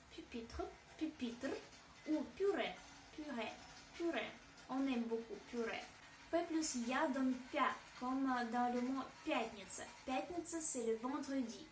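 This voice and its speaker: In a high-pitched voice, a Russian language teacher with a Russian accent works through a pronunciation lesson, hesitant and repeating sample words. The mic is distant, the sound roomy, and there's a little hiss or hum.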